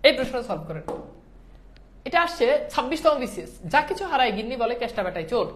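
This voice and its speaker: A woman's voice: on the high side, big pitch swings, quick pace, fairly bright tone. A woman teaching a recorded grammar lecture, speaking, who repeats key answers and keeps asking students whether they follow. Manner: repeats key answers, asks the class if it is clear.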